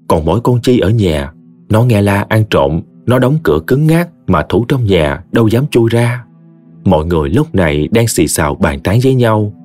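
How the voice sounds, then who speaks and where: A man with a Southern Vietnamese accent narrating a story in an expressive, folksy way. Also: on the low side.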